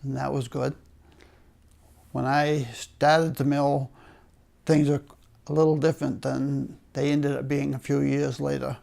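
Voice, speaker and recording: An older retired paper mill worker from Maine, speaking with a Maine accent, tells stories of his working life in an oral history interview, his humour wry and understated with chuckles. His medium-pitched, darkish voice is level and measured, with vocal fry and long pauses.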